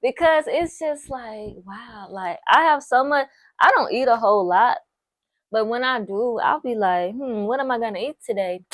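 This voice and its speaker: Speaking on the high side at normal speed, a nineteen-year-old vlogger gives casual advice directly to the viewer. She's chatty and encouraging, repeats herself for emphasis, and fills her talk with "like" and "so, yes," captured in a dry, close recording.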